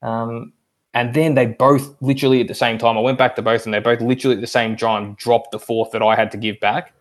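A man's voice: medium pitch, flat delivery, fairly quick. A man in casual podcast chat, rambling through a long story with many ums. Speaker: league member guest.

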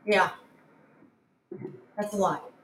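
A woman in her late thirties co-hosting a podcast, chatting casually in an easygoing, earnest way with quick reactions. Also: medium pitch, fairly bright tone. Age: 30s. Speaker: podcast co-host. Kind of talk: casual chat. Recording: roomy echo, faint ambient noise.

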